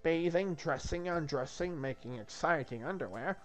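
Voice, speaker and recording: A woman's voice: deep voice, moderate pace, faint music behind, natural voice. Woman playing a gushing, flirtatious castle maiden, Zoot. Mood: coaxing, seductive. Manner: theatrical, gushing, insistent. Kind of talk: comic script read-through.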